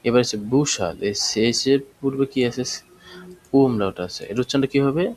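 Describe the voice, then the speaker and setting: A man's voice: mid-range voice, brisk, a little mellow, poor audio. A man teaching a language class, explaining step by step and answering his own questions. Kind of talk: spoken language lesson.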